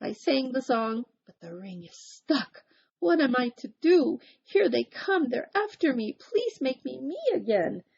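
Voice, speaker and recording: A woman's voice: sits high, measured pace, gravelly, husky, lo-fi sound, pitched above the performer's own voice, full character voice. A woman voicing a panicky foolish young man. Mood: pleading. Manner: pleading, excitable. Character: foolish young male village helper.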